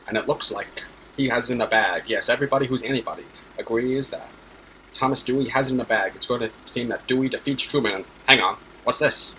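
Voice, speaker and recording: An excitable old-time election-night newscaster, as a man plays him, rattling off results in breathless announcer patter. The pitch stays at a middle level for a man. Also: fast talker, a little hiss or hum, lightly acted, poor audio. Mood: excited.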